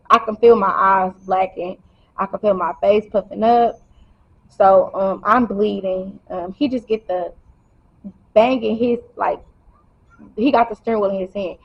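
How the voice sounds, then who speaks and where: Husky, gravelly woman telling her story. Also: medium pitch, fairly even intonation, measured pace. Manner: emotional, holding back tears, colloquial and direct. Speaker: storyteller sharing her own experience. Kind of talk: casual spoken storytime to camera. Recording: dull lo-fi sound.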